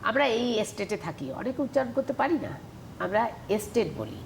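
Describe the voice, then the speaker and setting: A woman's voice: on the high side, big pitch swings, fairly quick, gravelly, slight background noise. A woman teacher giving a televised Bengali grammar lesson, explaining patiently and repeating questions to her students.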